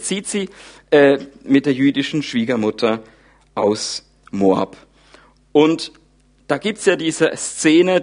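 A man preaching a sermon, retelling a Bible story in a lively, informal way and speaking the characters' thoughts aloud. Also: mid-range voice. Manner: animated, wide swings in loudness.

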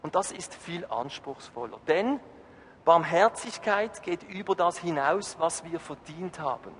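A man's voice: fairly high pitch, lively intonation, measured pace, fairly bright tone. A man preaching a sermon, emphatic, putting questions to the congregation. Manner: emphatic, rising and falling. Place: church hall. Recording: reverberant hall, faint noise.

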